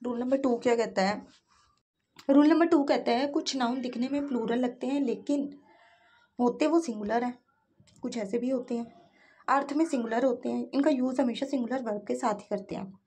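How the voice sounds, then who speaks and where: Woman teaching english grammar in hindi, kinda high voice, asks then answers her own questions. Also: dark tone, slightly rough. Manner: reads English examples slowly.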